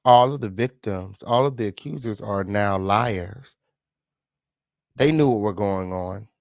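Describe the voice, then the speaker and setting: A man's voice: fairly low pitch, unhurried, gravelly, dry recording. A man hosting a profane exposé vlog in a smug, sarcastic, slangy manner, repeating phrases for emphasis. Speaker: online commentary channel host. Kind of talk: profane exposé commentary to viewers.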